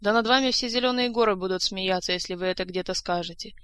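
A woman's voice: mid-range voice, fast, a bit bright, smooth, no echo, close to an everyday voice. A woman doing a weary, grumbling court doctor. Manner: grumbling, exasperated. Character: weary, sharp-tongued female court doctor.

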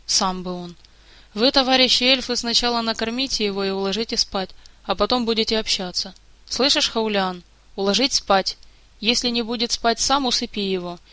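A woman reading the part of a brisk, grumbling woman giving firm orders. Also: fairly high pitch, bright, forceful tone, dry recording. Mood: bossy. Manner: grumbling, commanding.

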